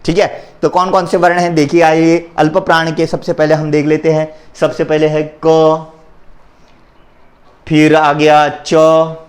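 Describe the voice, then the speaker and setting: A man's voice: a little high, completely flat delivery, moderate pace, few pauses. A man teaching a Hindi grammar lesson to his students, spelling out letters one by one and having them repeat after him. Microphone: recording for an online lesson.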